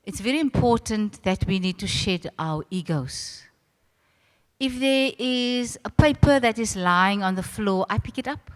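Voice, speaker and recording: An older woman with a South African accent gives an informal public speech, animated and direct, addressing her audience familiarly. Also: mid-range voice, a little slow. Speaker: host of a ceremony, arts centre leader. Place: large reverberant venue at a public ceremony. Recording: echoey hall with long reverb.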